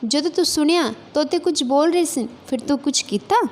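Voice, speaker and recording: A calm, wise old holy man, put on by a woman storyteller, spelling out his lessons slowly and deliberately. The voice sits high and light, close to the teller's own. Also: natural voice. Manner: slow, deliberate repeated teaching lines.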